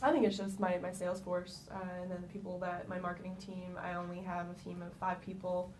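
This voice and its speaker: A woman takes the client's part in a practice sales pitch. Her answers come haltingly, in a slightly low, fairly even voice, over a faint rumble. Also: low-quality recording. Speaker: practice client acting as a meat business manager. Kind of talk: role-played business conversation. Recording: faint rumbly background noise.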